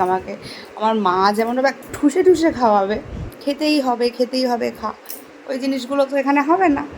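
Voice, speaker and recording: Fast-chatting young woman vlogger. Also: mid-range voice, slight background noise, poor audio. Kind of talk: casual daily vlog talk.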